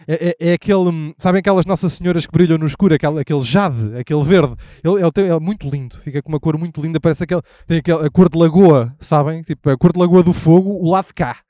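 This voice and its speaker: Fast, high-voiced irreverent Portuguese man. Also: dark tone, dry recording. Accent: European Portuguese. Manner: irreverent, swears a lot, rambling with many restarts and asides. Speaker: podcast host. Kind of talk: casual rambling monologue while walking outdoors. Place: outdoors on a city street. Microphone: handheld mic while walking in the street.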